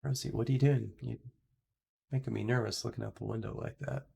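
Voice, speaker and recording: Stuffy-nosed gravelly streamer chatting. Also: male voice, mid-range voice, fairly even intonation, brisk, dark tone. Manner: rambling, chatty, jokey asides. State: stuffy, nasal from a blocked nose. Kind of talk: casual gameplay commentary. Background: game music.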